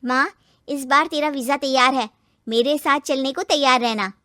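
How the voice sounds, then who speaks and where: A woman voicing a brisk married sister-in-law in a cartoon story, blunt and needling in manner. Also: high voice, sharp tone, no echo, clean studio sound. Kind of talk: cartoon story character acting.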